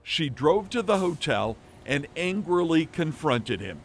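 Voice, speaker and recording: A man narrating a television news report in a measured broadcast delivery. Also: on the high side, big pitch swings.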